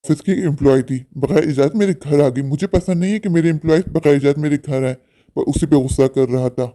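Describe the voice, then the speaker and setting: An arrogant rich boss from a cartoon, harsh and contemptuous, as a man voices him. His voice is dark and mellow in tone, but the words come fast and sharp. He talks down to everyone around him. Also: fairly high pitch, natural voice. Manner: scornful, shouting down others. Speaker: cartoon character.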